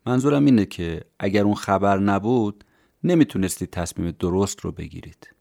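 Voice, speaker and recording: A man hosting a podcast, calmly summarizing a book for listeners in scripted narration. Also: lowish voice, creaky, no room sound, studio quality. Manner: calm, explanatory, addresses listeners directly. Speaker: podcast host summarizing books.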